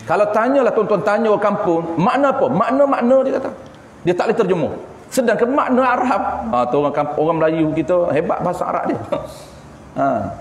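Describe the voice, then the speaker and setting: A man's voice: high-pitched, expressive, fairly quick. A man with a Malaysian Malay accent teaching a religious class, explaining terms patiently and asking and answering his own questions. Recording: echoey hall with faint background noise.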